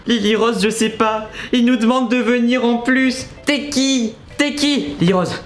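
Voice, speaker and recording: A man's voice: very high-pitched, unhurried, reverberant. A young man acting in a comedy sketch, urgent and exaggeratedly panicked, often repeating his words. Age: young adult. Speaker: family sketch performer. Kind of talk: acted comedy sketch for an online video.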